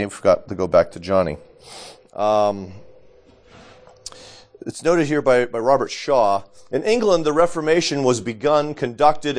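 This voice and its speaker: A male church teacher lectures a small group, taking his time over each point. He is deliberate and drops in small jokes, and he coughs now and then. His voice sits at a middling pitch, neither high nor low. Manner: deliberate, adds joking asides and checks in with "okay?".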